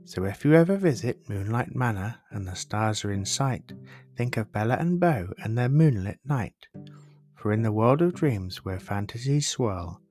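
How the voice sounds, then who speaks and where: A man reading a rhyming bedtime story aloud as a storybook narrator, in a measured delivery. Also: lowish voice, lively intonation, darkish tone. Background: plucked guitar music.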